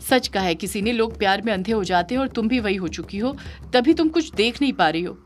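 A woman's voice: mid-range voice, animated, fairly quick, a little hiss or hum, lightly acted. A woman doing an insistent male yaksha spirit. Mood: pleading, accusing. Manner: pleading, accusing, raised voice.

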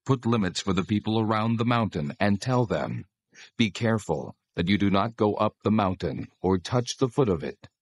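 An actor playing God as a solemn, commanding lawgiver in dramatized scripture, speaking in a measured, authoritative way with a husky voice. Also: male voice, fairly low pitch, animated, no echo.

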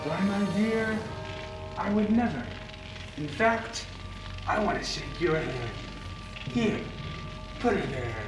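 An actor playing a masked, burning killer who shouts taunts and cackles in a comedy sketch. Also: male voice, high voice, lively intonation, slow pace, long pauses. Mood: mock-sweet. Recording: echoey, distant, with loud music.

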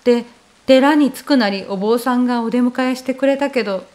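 High-voiced woman narrating a ghost story. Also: moderate pace, darkish tone. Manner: casual, conversational storytelling. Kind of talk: first-person horror story narration.

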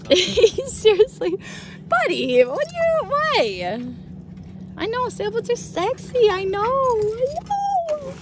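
A young woman with a high voice that swings up and down, chatting casually and cooing baby talk at her puppy. She records on a handheld phone outdoors, with clear background noise behind her. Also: very animated, drawn-out words, pauses often. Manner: coos in a high sing-song voice to her puppy. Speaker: vlogger. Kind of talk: casual vlog chat and voice-over. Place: outdoors, on a small sailboat.

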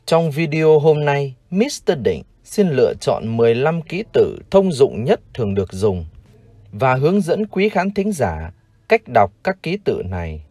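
A Vietnamese man teaching English, who reads each word slowly and repeats it for learners to copy. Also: medium pitch, very animated, dark tone, no room sound. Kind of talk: vocabulary lesson, slow model pronunciations.

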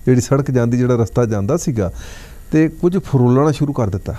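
A man giving a religious talk on TV, telling a parable and chanting scripture lines slowly. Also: mid-range voice, expressive, dark tone. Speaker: religious speaker. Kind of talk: religious discourse on TV.

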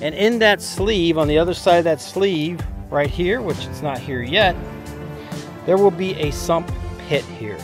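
Over music, the fiftyish vlog host walks viewers through his home build in an unhurried, fairly high voice. His instructions are casual and plain-spoken, recorded outdoors at the concrete foundation site with a handheld camera held at arm's length.

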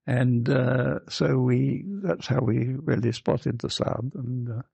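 An elderly man recalls his flying days in a slow, gravelly voice with a husky edge. He rambles fondly, circling back with little asides. The sound is close and dry. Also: medium pitch, mellow, no room sound. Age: older. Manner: chatty, rambling, fond of "you see" and "actually". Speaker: wartime flying boat pilot recalling service. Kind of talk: reminiscing interview.

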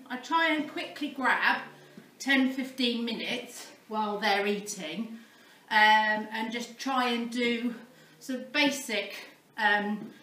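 A woman's voice: a little high, bright, forceful tone, far from the mic. Breathless, self-mocking woman, echoey barn. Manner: self-deprecating, many ums. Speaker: vlogger documenting a fitness start. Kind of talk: casual self-filmed vlog. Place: barn, indoors.

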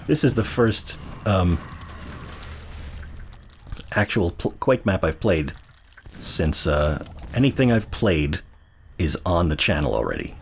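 Slight background noise sits behind this gaming channel host, an American man in his thirties with a low voice. Playing through a casual let's-play, he chuckles, wanders off on tangents, and keeps correcting himself.

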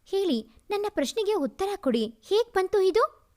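A woman's voice: sits high, expressive, moderate pace, mellow. A woman voicing a frightened, confused young woman who demands answers in a read-aloud story. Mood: anxious.

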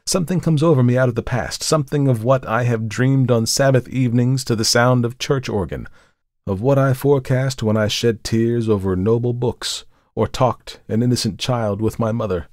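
A man's voice: mid-range voice, moderate pace, a little mellow, dry recording, studio quality, lightly acted. A man voicing a desperate male murderer who pleads his case in an impassioned, emphatic way, in a dramatic audiobook reading. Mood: reflective.

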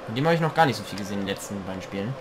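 A man's voice: on the low side, animated, racing. A man casually co-commenting a football video game he is playing, chatty, sometimes slipping into mock sportscaster phrasing. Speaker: let's play commentator. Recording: audible background noise.

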